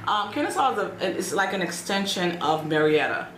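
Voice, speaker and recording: A woman's voice: on the low side, big pitch swings, moderate pace, fairly bright tone. Woman, 40s, chatty guest; echoey room, background noise. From Chicago. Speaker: guest, entrepreneur. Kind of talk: interview.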